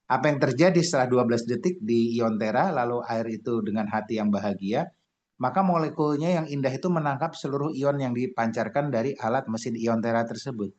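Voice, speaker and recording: A man's voice: medium pitch, a little fast, dull audio. A man giving a motivational talk over slides, tagging his sentences with "ya" and restarting words as he goes. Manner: frequent "ya" tags, restarts, acted shouted quotes. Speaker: presenter.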